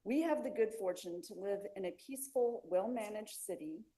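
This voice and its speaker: A woman giving a formal, deliberate prepared public comment at a council meeting. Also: medium pitch, warm tone, rough recording. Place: council chamber.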